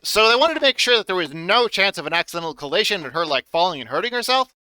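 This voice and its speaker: Animated high-pitched bright male streamer. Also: fast, clean tone, dry recording. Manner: animated, exclamatory, emphatic repetition. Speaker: streamer reacting to a video. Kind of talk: casual reaction commentary.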